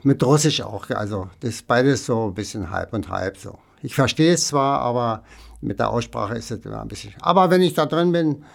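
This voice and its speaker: A man's voice: medium pitch, lively intonation, normal speed, vocal fry. A man, chatting casually as an interview guest and rambling with many fillers. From Berlin, Germany. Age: 80s.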